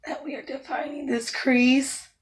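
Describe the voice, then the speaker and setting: With a high, unhurried voice that is naturally raspy but currently hoarse and faltering, a woman narrates her makeup tutorial step by step. She keeps things calm and instructive, adding soft remarks as she works.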